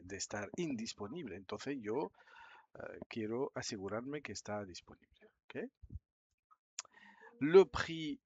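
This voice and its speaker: A man teaching a language lesson, dictating slowly and explaining each point patiently, step by step. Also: mid-range voice, highs cut off. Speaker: French teacher.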